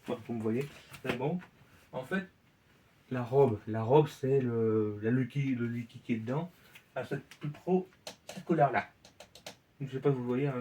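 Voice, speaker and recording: A man's voice: mid-range voice, a little mellow, slight background noise. A man with a Belgian French accent reviewing beers in a casual, rambling way, full of fillers, false starts and hesitations, recorded in a room at home.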